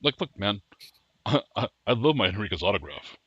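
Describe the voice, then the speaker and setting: A low-pitched man in casual conversation, with a lively swing in his voice and a bright edge to it. He talks with plenty of laughter, and the sound is dry and a little dull, like a lo-fi recording. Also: moderate pace, husky, no echo. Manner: laughs often, chatty and animated. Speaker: podcast co-host. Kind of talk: casual chat.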